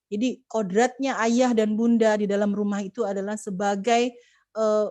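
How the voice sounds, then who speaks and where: A woman's voice: mid-range voice, steady tone, normal speed, warm tone, no room sound. Earnest woman giving a webinar talk. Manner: earnest, preachy, many fillers and restarts. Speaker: communication expert speaker at a women's webinar. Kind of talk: webinar talk to mothers, religious advice.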